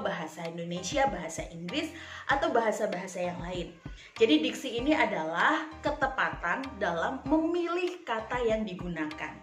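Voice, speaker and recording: A woman teacher giving a lesson to children, speaking clearly and deliberately with lively expression. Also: on the high side. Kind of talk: recorded online lesson for children. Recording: echoey room.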